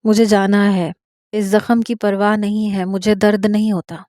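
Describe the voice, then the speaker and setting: A woman's voice: mid-range voice, normal speed, no room sound, clean studio sound, lightly acted. Woman reading a sullen young man, short cold answers. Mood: curt. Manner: flat, clipped replies. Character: guarded young man, curt and resentful.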